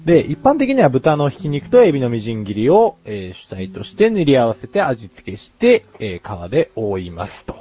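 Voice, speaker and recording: A man's voice: medium pitch, huge pitch swings, moderate pace, hardly any pauses, breathy edge, lo-fi sound. Joking Japanese man playing mock food expert. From Yokohama, Japan. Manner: playful, explaining like a mock cooking teacher. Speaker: podcast host. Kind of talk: casual comedic chat.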